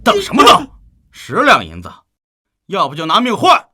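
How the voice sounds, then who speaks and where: An actor playing a swaggering village tough who makes cocky demands for ransom. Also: male voice, high-pitched, wildly swooping pitch, moderate pace, pushed and bright, slightly rough, full character voice.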